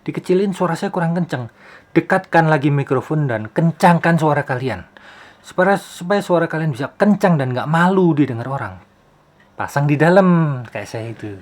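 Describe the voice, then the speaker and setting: A YouTube host who works as a film soundman presents a casual how-to tutorial in an informal, explanatory way. His voice is a little high with lively intonation at a moderate pace, and he often asks rhetorical questions and repeats phrases to drive points home.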